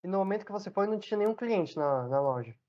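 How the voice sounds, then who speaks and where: Fast-talking Brazilian woman host. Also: medium pitch, expressive, warm tone, highs cut off. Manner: quick, reacting with surprise. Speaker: podcast host. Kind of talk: casual interview.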